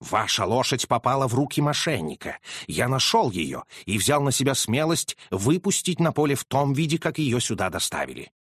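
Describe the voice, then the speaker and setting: A man voicing a calm, unflappable detective who speaks in a measured, understated way. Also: mid-range voice, slightly rough, no room sound, studio quality. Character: calm, unflappable male detective, middle-aged.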